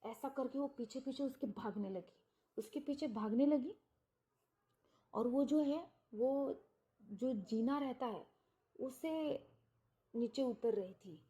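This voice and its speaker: Dramatic woman storyteller, slightly high. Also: slow, long pauses, mellow. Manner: breathless, exclamatory retelling. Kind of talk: dramatic first-person horror storytelling.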